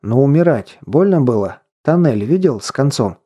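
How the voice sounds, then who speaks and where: A cocky young wisecracker , voiced by a man reading a story, teases and needles in slangy banter. The tone is dark and mellow rather than bright. It sounds like audiobook dialogue. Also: mid-range voice, sing-song, normal speed, husky. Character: young man Vasya, joking, cocky, brash.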